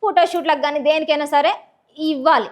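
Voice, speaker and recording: A woman's voice: high-pitched, steady tone, fairly quick. A woman with a Telangana Telugu accent from a village, speaking bluntly and passionately as an interview guest. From rural Telangana village. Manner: blunt, outspoken, impassioned. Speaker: guest, social media personality. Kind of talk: candid interview talk.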